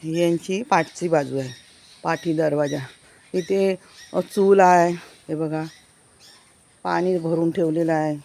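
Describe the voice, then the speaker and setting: A woman's voice: sits low, steady tone, takes it slowly, gravelly, pauses often, mellow, slight background noise. Eager woman giving a village walking tour. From Konkan, India. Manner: enthusiastic, keeps urging viewers to look. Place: outdoors in a village, walking between houses. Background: birds chirping.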